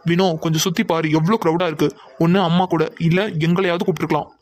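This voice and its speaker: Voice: medium pitch, little pitch movement, racing, lightly acted. A voice actor playing a bossy, protective young man in a cartoon who gives orders. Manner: bossy, commanding.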